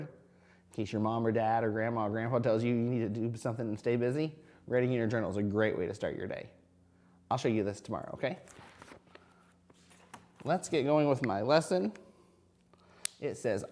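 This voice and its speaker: A man with a mid-pitched voice gives a kindergarten reading lesson. He talks straight to little children, asks them simple questions and answers them himself, sounding out letters and words as he goes. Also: a little mellow. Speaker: kindergarten teacher.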